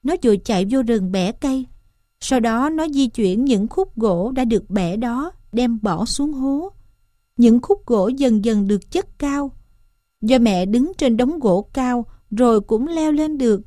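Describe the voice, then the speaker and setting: High-voiced woman telling a story. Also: animated, a little slow, dark tone, dry recording, studio quality. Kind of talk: reading a children's story.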